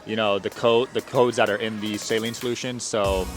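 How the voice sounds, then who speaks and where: A man's voice: on the low side, steady tone, moderate pace. A man, the podcast host, doing an upbeat, enthusiastic sponsor read. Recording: faint music behind.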